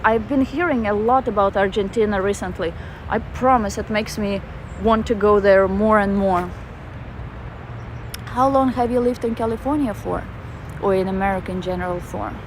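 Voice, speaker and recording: A Russian-accented woman with a medium-pitched voice livestreams while walking through a city park, chatting loosely and reading viewer comments aloud with plenty of fillers. Faint traffic sounds come through, and the audio quality is poor.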